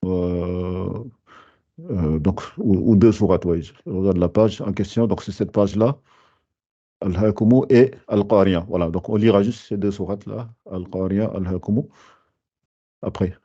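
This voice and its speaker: Patient man teaching recitation, low dull sound. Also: unhurried, warm tone. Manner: patient, explains step by step with many hesitations. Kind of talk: online tajwid lesson.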